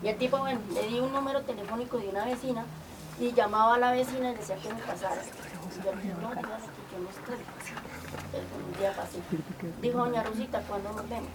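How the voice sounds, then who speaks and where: An older woman recounts her life as a community organizer, slipping into the voices of the people she met. Her voice sits a bit high and has a gravelly edge. She is recorded from some distance, with clear background noise. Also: quick pace. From Colombia. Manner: lively anecdotal storytelling with quoted dialogue. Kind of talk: storytelling.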